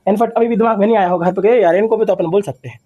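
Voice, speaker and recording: A man's voice: high voice, very fast, muffled recording. A man teaching English in a classroom, repeating phrases word by word and quizzing his students. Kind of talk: classroom lesson.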